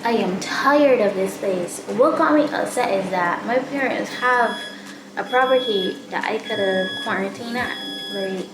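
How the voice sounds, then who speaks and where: A woman's voice: medium pitch, unhurried, noisy background. A young woman with a Barbadian accent, recording a personal video diary from a quarantine room and sounding weary, downcast and frustrated, with sighs. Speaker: vlogger. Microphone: self-filmed camera up close.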